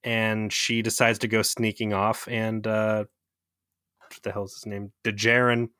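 A man's voice: fairly low pitch, measured pace, clear, resonant tone, dry recording, clean studio sound. Laid-back man recapping an episode. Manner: animated, acts out quotes, swears, laughs. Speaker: podcast co-host. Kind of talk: casual chat recapping a TV episode.

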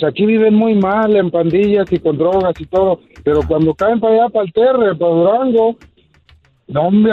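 A Mexican man phoning into a radio show, his high voice squeezed through a thin phone line. He tells his story in a relaxed, slangy way. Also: slight background noise. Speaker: radio caller.

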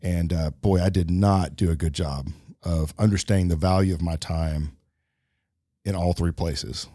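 A man's voice: sits low, steady tone, unhurried, warm tone, no room sound, clean studio sound. A middle-aged man talking reflectively in a casual podcast conversation, with many fillers and restarts. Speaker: podcast co-host.

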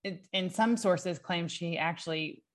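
A young woman co-hosting a podcast excitedly recounts history from her notes in a casual chat, giggling easily. Her voice is fairly low and her pace a little slow.

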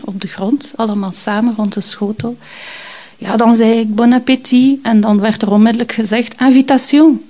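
Female storyteller, reflective and halting, mellow, slightly high. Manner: reflective, hesitant, many fillers. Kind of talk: personal storytelling.

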